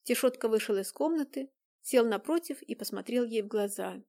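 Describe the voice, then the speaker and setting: A woman narrating an audiobook in a measured, even storytelling manner. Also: on the high side. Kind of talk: scripted narration.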